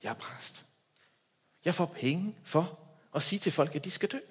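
A man preaching a sermon as a pastor, swinging between loud emphatic lines and hushed quiet ones. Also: fairly high pitch, animated, husky.

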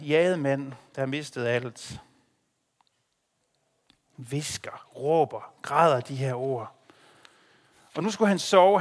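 A male preacher delivering a sermon with dramatic contrasts, dropping to near-whispers and rising to emphatic peaks. His voice sits a little high for a man. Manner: dramatic, swinging between hushed and loud.

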